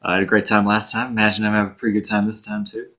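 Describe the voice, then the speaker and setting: A man's voice: lowish voice, level tone, racing, a bit bright. A young man from New York, a guest on a casual podcast, talking in an easygoing, rambling way with many fillers. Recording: slightly dull lo-fi sound.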